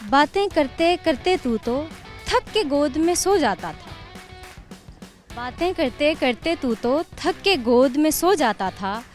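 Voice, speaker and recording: A young woman student with a high voice speaks slowly and deliberately. She recites verse in a measured, expressive way. Faint music sits under her voice. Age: young adult. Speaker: university student, interviewee. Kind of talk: interview answers and poem recitation.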